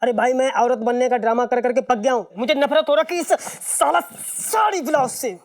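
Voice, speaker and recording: An actor in a sitcom playing a young man who is tired of posing as a woman and now works as a night watchman. He talks in a quick, whiny way and threatens to shout. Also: very high voice. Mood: fed up. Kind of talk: sitcom acting.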